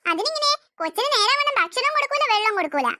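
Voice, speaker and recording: A woman voicing a sharp-tongued cartoon grandmother with aching legs. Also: very high voice, big pitch swings, fast talker, heavily acted. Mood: scolding. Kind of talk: cartoon dubbing.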